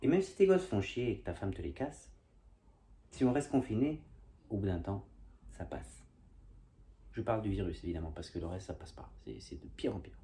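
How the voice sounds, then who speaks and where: Man, low-pitched voice, casual poem reading, jokey asides, filmed at home. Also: lively intonation, normal speed, pauses often, warm tone. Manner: self-mocking, jokey asides between verses. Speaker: amateur poet reciting his own poem. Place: at home, indoors.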